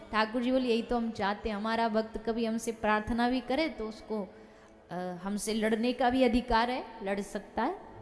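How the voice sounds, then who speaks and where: A woman's voice: fairly high pitch, long reverb tail. A woman giving a devotional scripture discourse, animatedly telling the story and acting out its dialogue. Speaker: religious storyteller.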